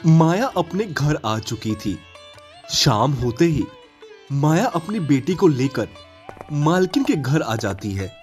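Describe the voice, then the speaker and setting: A man narrating an animated moral story in an expressive storytelling manner. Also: fairly high pitch, takes it slowly, faint music behind.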